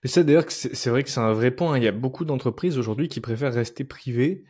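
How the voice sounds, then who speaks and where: Mid-pitched male podcast co-host, conversational and agreeable. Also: fast talker, darkish tone, breathy edge. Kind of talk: casual investing podcast chat.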